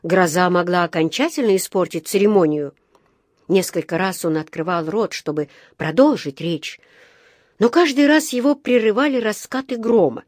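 A woman's voice: medium pitch, moderate pace, a little mellow, no room sound, clean studio sound. Woman reading a children's story aloud. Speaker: narrator. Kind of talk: scripted narration of a children's story.

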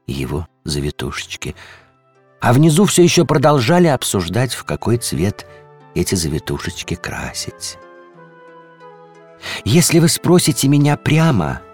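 Playful storyteller man, lively voice. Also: deep voice. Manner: slow, playful, drops soft at phrase ends. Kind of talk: expressive storybook reading.

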